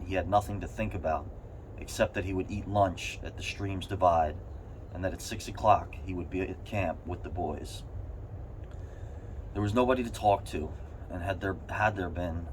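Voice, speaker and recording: A man with a low-pitched voice reads a story aloud. His delivery has strained bursts of emphasis. There is faint, steady noise behind him. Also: rough recording. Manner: strained bursts of emphasis, as if sitting in an ice bath. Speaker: reader of a short story. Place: in an ice bath.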